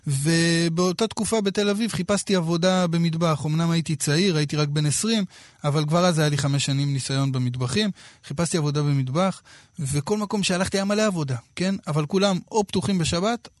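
A man in his thirties from Israel, telling a personal story in a casual, lively way with quoted dialogue. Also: fairly high pitch, no room sound, studio quality. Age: 30s.

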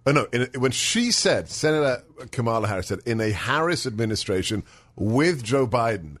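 Animated sarcastic male talk radio host. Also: mid-range voice, normal speed, no room sound. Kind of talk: political talk radio chat.

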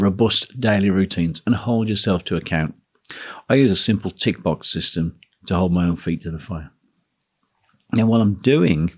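A man hosting a solo talk on running a teaching business, speaking in a relaxed, musing way. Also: lowish voice. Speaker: podcast host, guitar teacher.

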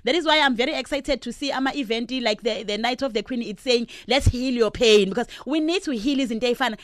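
A woman's voice: sits high, a bit bright, dry recording, clean studio sound. A middle-aged South African woman giving impassioned advice on a radio talk show, stressing her points emphatically with repeated phrases.

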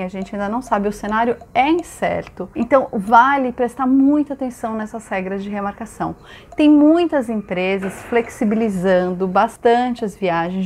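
A woman's voice: fairly high pitch, darkish tone. A woman with a Brazilian accent giving practical advice in a conversational way.

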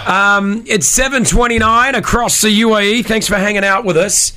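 A man hosting breakfast radio, teasing his guests and bantering in a chatty, animated way on a studio mic. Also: high voice, normal speed, no room sound. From Australia. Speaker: radio host.

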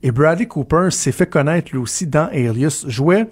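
A man with a Quebec French accent, hosting a radio show and chatting casually with animated storytelling. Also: fairly high pitch, moderate pace, slightly rough. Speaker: radio host. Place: radio studio.

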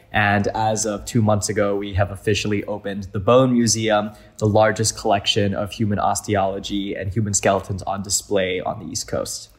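A young man from Thailand, a museum founder, answering interview questions earnestly with frequent fillers. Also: lowish voice.

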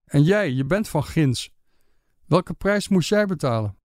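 Male reader doing a slightly higher, timid tourist man, earnest and careful, for a story reading. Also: lively intonation, measured pace, a little mellow, no room sound, clean studio sound. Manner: hesitant, shy, earnest. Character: hesitant, shy male foreign tourist.

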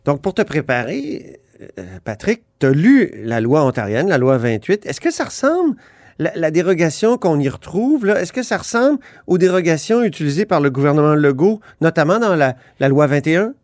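Male radio host, Quebec French accent, gravelly and flu-hoarse, slightly high-pitched for a man, close dry studio sound. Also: big pitch swings, moderate pace, darkish tone. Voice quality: gravelly, cavernous voice. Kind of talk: conversational political interview.

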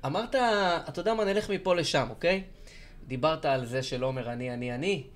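A man's voice: a little high, lively intonation. A man co-hosting a podcast, steering the talk and building his points step by step. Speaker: podcast co-host. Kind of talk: casual chat.

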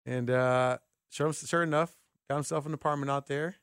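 A man of medium pitch speaks at a normal speed with a clean tone while hosting sports radio in a studio. His casual chat turns into animated storytelling where he voices the dialogue. There's no echo, and the quality is studio-grade.

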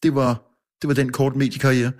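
A man's voice: mid-range voice, flat delivery. A man who works as a newspaper editor, a guest telling a story in casual chat, full of restarts and fillers and chuckling at himself. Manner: halting, many restarts and fillers.

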